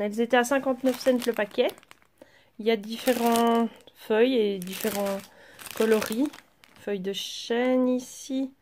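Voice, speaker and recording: A woman chatting casually through a craft shopping haul, pausing with fillers as she handles each item. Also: a little high, darkish tone, slight background noise. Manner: chatty, hesitant fillers while handling items. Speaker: craft vlogger. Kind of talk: casual haul show-and-tell.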